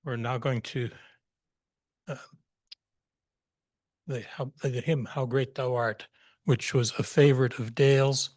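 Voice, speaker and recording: A man's voice: medium pitch, fairly even intonation, a little mellow, no room sound. Man announcing a hymn, dry sound. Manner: halting, informal announcements.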